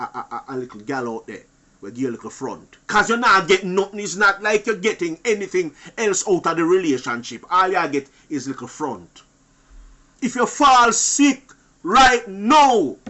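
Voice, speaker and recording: A man holds forth like a street preacher, his voice bright and sitting a little high. He swings from loud, pressing outbursts down to low, muttered asides as he warns other men. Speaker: channel host.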